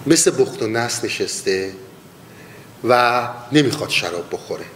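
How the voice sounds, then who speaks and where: A man teaching mystical poetry, chanting lines slowly and then explaining them in quick casual talk. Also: lively intonation, fairly bright tone. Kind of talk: spoken lesson with slow verse recitation. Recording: long hall reverb, faint rumble.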